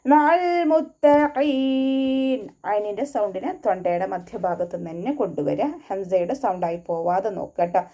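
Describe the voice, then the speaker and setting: A woman teaching Quran recitation, going slowly line by line and explaining where to place the lips and tongue for each sound. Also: fairly low pitch, warm tone. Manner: patient and methodical, gives mouth and tongue placement cues. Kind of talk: tajweed lesson, slow line-by-line instruction.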